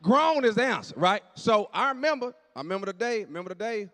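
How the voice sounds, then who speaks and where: A man in his late forties doing animated stand-up storytelling on stage, dropping to low asides and jumping up for punchlines. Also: quick pace. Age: 40s. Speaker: stand-up comedian. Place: church hall on stage. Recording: long hall reverb.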